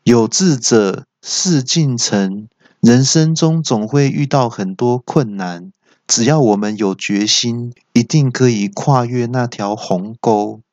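A man with a Taiwanese Mandarin accent voicing a cheeky, scatterbrained talking car navigation machine in a slow, drawn-out mock announcer tone. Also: medium pitch, darkish tone, dry recording, natural voice. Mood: smug calm. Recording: slightly dull, dry recording.

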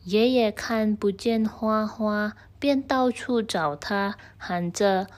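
A woman storyteller reading a story to children and gently speaking to them directly. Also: medium pitch, slow.

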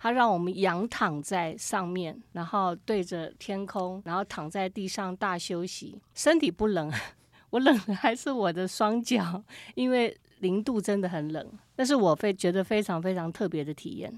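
A woman's voice: medium pitch, normal speed, no room sound. Woman telling travel stories. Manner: lively storytelling, frequent "dui dui dui". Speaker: travel expert guest. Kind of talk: casual interview chat.

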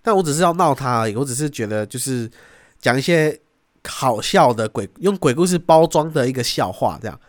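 A man's voice: mid-range voice, lively intonation, brisk, no echo, clean studio sound. A young man with a Taiwanese Mandarin accent hosting a podcast, telling stories casually, swearing freely and acting out quotes. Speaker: podcast host. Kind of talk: casual storytelling.

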